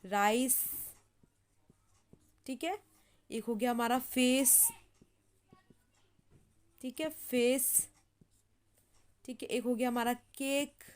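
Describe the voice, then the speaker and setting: A woman teaching English pronunciation in Hindi, repeating each word slowly as she writes it and checking in with "ठीक है" again and again. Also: fairly high pitch, steady tone. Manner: repeats words slowly while writing, says "ठीक है" often. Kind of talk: slow explanatory lesson.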